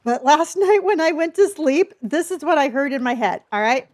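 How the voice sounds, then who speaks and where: A woman's voice: high voice, expressive, moderate pace, darkish tone. A woman live streamer chatting casually with her viewers while gaming, with a speech impediment on her R sounds. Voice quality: speech impediment, cannot pronounce R's. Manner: chatty, addresses viewers as honey.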